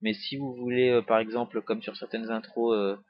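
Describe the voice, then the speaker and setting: A young man giving a casual software tutorial, rambling with many hesitations and small jokes, recorded on a cheap desktop mic. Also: mid-range voice, fairly even intonation, moderate pace, dry recording. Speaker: tutorial maker. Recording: dry, dull lo-fi home recording.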